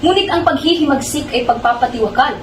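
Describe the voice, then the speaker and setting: A woman playing an earnest, troubled young male student in a student drama, speaking in a measured, pleading way. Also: high-pitched, a little hiss or hum, close to an everyday voice. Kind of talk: amateur student stage drama. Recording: echoey room with music behind.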